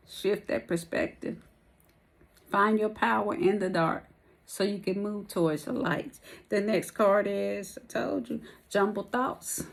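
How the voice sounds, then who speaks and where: Losing her voice, a tarot reader rambles casually through a reading for her viewers, her medium-pitched voice marked by vocal fry. She speaks in slang, calling listeners "baby" and "y'all."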